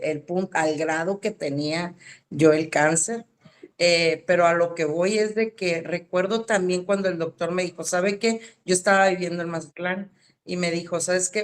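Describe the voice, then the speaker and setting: Female student with a lowish voice, chatty, often ending her sentences with tag questions. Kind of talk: casual chat.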